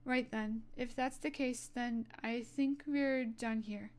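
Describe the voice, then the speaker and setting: Woman playing a curt, blunt detective. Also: a little high. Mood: dismissive. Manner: slow, flat and sharp-toned. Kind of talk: narrated role-play story.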